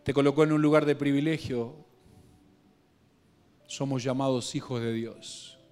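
With faint music behind him, a man with a Guatemalan Spanish accent preaches a sermon, recounting a Bible story with local slang and humor. His voice is medium-pitched, fairly even and unhurried, shifting between hushed reading and louder bursts.

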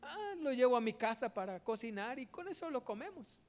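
A contented, humble fisherman who answers in a relaxed, matter-of-fact way, as a preacher puts him on. He is a figure in a parable told aloud. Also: very high voice, brisk, big-room sound. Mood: easygoing.

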